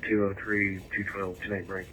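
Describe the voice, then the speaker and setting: A man's voice: deep voice, flat delivery, moderate pace, pushed and bright, a little hiss or hum. A male police officer checking in over a police radio in brief, matter-of-fact unit codes. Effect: police radio transmission.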